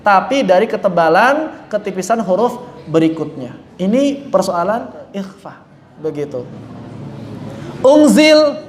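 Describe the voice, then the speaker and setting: A Quran recitation teacher speaks slowly in a mid-range voice that swings widely in pitch. Their class repeats each part as they explain step by step, demonstrate sounds, answer their own questions and firmly correct mistakes, in an echoey room with faint background noise.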